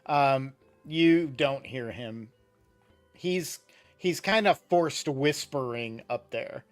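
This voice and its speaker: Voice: medium pitch, takes it slowly, soft background music. A game master narrating a tabletop game in a conversational way.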